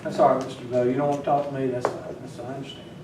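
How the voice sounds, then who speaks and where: A man's voice: medium pitch, little pitch movement, rapid-fire. A man teaching a class and teasing his students as he works. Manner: teasing, talks to students while working. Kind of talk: classroom lecture. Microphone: far from the mic. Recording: echoey classroom from far off, faint noise.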